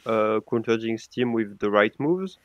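A man with a fairly low, animated voice appears as a podcast guest in casual gaming commentary, stammering as he picks apart a game's moves and is quick to question plays. The recording is dry and the audio sounds dull.

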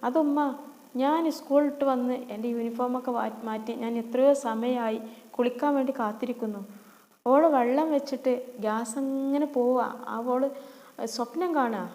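A woman's voice: on the high side, fairly even intonation, normal speed, darkish tone, long reverb tail, lightly acted. Woman doing a whiny spiteful stepsister. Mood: complaining. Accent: Malappuram Malayalam. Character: spiteful teenage stepsister, tattling.

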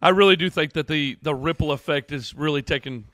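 A man's voice: a little high, a little fast, fairly bright tone, no echo. A man co-hosting a podcast in casual chat, friendly and rambling as he announces upcoming events. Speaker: podcast co-host.

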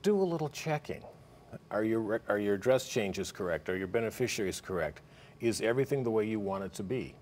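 A middle-aged man with a fairly low voice, talking through money matters in a steady, explanatory way. He sits as a guest in a TV news studio, on a lapel mic, with a faint low rumble underneath. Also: brisk. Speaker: guest financial planner. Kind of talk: studio interview on morning news.

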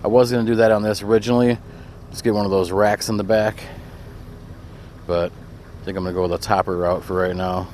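Laid-back young man, low voice. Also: level tone, a little fast, pauses often, darkish tone, slight background noise. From Wisconsin. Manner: laid-back, rambling, lots of fillers. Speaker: vlogger showing his truck. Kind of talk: casual walkaround vlog. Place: outdoors beside a pickup truck.

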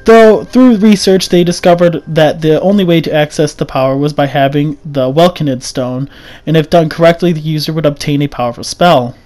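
A young lore video narrator with a sick, scratchy throat reads a game lore script aloud over gameplay, often stumbling over words. His voice is fairly high and a little mellow, at normal speed.

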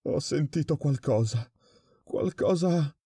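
A man voicing a terrified adult male prisoner who begs and stammers in a high, desperate voice. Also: measured pace, dark tone, breathy edge, no echo, studio quality. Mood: terrified pleading.

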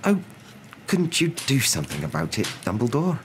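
A man voicing a stern, brisk older female professor in a storybook, urgent and scolding. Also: mid-range voice, huge pitch swings, voice pushed up. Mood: concerned. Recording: noticeable background noise.

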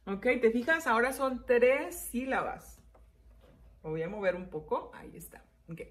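A woman's voice: fairly high pitch, very animated, moderate pace. A woman teacher giving a children's spelling lesson. She repeats each word and its syllables and keeps checking in with "ok?".

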